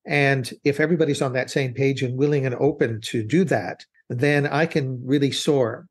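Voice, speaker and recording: A man's voice: mid-range voice, steady tone, normal speed, slightly rough. A man as an interview guest, speaking earnestly and reflectively in long, winding answers with restarts. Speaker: business consultant guest. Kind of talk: interview conversation.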